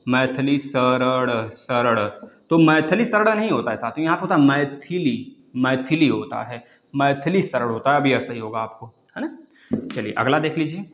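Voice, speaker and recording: A man's voice: medium pitch, roomy sound. A man giving an exam-prep grammar lesson, repeating each word and asking the viewers questions. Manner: repeats words, quizzes viewers, calls them friends. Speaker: Hindi grammar teacher.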